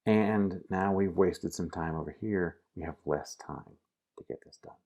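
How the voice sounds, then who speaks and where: An acting teacher gives a casual lesson, coaching the listener directly through a scene. His voice sits low and sounds a little slow and a little mellow.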